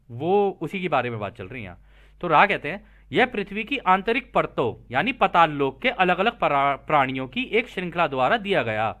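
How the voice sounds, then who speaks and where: Hosting an explainer, a man reads out a translated text and breaks off to explain it casually, speaking straight to listeners and frequently checking in with them. His voice is a little high, bright and forceful.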